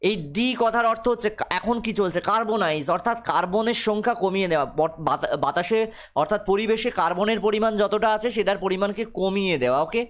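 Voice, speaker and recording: High-voiced Bengali man teaching. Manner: reads English text slowly, explains quickly, checks with "okay?". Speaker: exam coaching teacher. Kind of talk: explaining a newspaper to students.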